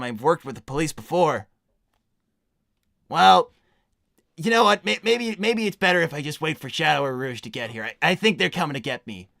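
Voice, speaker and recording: A man's voice: a little high, creaky, a bit bright, dry recording, clean studio sound. A man voicing an anxious, well-meaning young hedgehog hero in improvised livestream roleplay, hesitant and stammering as he rambles reassurances. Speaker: livestream performer answering donor messages.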